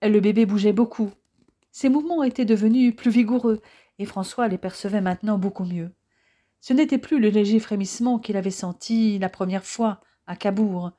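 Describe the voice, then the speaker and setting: A woman narrating an audiobook in a calm, measured reading. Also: medium pitch. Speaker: audiobook reader.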